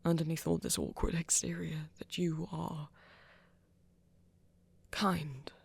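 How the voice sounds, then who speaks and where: A performer commits to a full character voice as a soft-spoken, flirty and earnest vampire declaring love in an ASMR romance roleplay. Mid-range and steady, the voice is husky and often half-whispered, hesitant and breathy, with a tender, reassuring and intimate feel.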